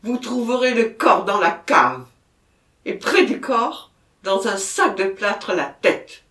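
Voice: mid-range voice, sing-song, slow pace, far from the mic, voice pushed up, full character voice. A reader voicing a terrified man who has confessed to murder and begs to be taken to prison, in a storybook reading with a roomy echo. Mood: panicked pleading. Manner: loud, pleading and panicked.

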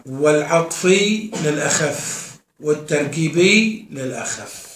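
A man's voice: fairly high pitch, lively intonation, measured pace, fairly bright tone. A man teaching a class as a sheikh, often asking his students questions and answering them himself. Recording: echoey room, mic far off.

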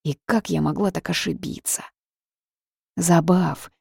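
A woman reading a first-person story aloud, lively with wry asides. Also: sits low, normal speed, vocal fry, dry recording, studio quality. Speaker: audiobook narrator. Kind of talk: first-person audiobook narration.

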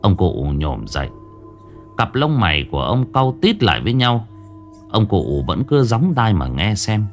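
Lively, low-voiced male ghost story teller. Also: unhurried, faint music behind. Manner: dramatic, expressive storytelling.

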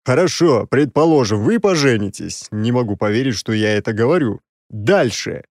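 An exasperated, sarcastic six-armed demon, as a male audiobook reader puts him on, scolding in a raised, mid-pitched voice. The storybook recording is dry and close, with no room sound. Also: expressive, normal speed, a little mellow, no echo, close to an everyday voice.

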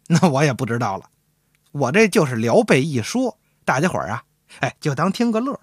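A man who hosts a radio program and performs crosstalk, telling stories in a lively, chatty, playful way. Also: fairly high pitch, a little fast, breathy edge, no room sound, studio quality. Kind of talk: storytelling radio talk.

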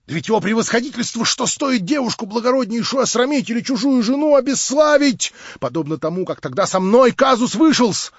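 A man's voice: extremely high pitch, animated, a little fast, hardly any pauses, slightly rough, no room sound, voice pushed up, exaggerated voice. A man reading an audiobook, voicing a sly, fawning middle-aged man who passes on gossip in an insinuating, mock-sorrowful tone. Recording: dry, slightly dull audiobook recording.

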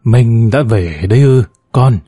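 A man reading as a frail elderly mother, gentle. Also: mid-range voice, a little slow, husky, dry recording, clean studio sound, faint music behind. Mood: tender.

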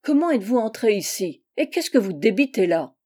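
Storybook: female reader as a proud but shaken gentleman, prim and polite, warm mellow voice. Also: a little high, big pitch swings, brisk. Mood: indignant. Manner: stiffly polite, easily alarmed. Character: flustered, dignified drunken gentleman narrator.

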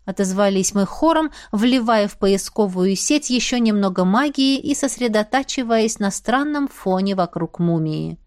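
A woman reads a fantasy audiobook in first person, with expressive, dramatic delivery at a mid pitch. The recording is dry and close-miked, with no room sound. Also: normal speed, few pauses, no echo. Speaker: audiobook narrator. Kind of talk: scripted fantasy narration.

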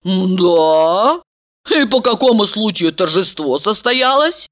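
A woman voices a bossy, scheming young woman who scolds and shrieks at her friend. Her delivery is animated yet slow, shrill, sarcastic and full of scolding.

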